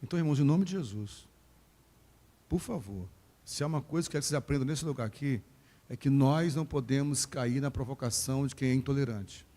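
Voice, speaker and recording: With a medium-pitched, fairly quick delivery, a man from Rio de Janeiro preaches in Brazilian Portuguese-accented speech at a church service. The pastor animatedly voices quoted characters and jokes around with the congregation.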